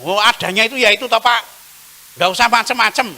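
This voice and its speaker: A priest playing a curt, dismissive wife. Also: male voice, very high voice, fast, pushed and bright, full character voice. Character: dismissive middle-aged wife.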